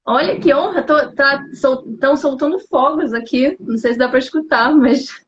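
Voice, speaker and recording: A woman's voice: high voice, normal speed. Chatty woman hosting a live stream. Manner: chatty, relaxed, laughs easily. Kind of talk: casual chat. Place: at home. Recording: dull lo-fi sound with faint noise.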